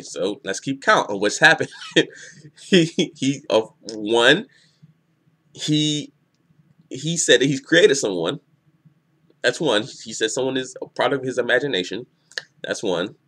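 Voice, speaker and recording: A man giving a casual spoken review of a comic chapter, excitable and rambling, often restarting his sentences. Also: mid-range voice. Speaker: manga reviewer.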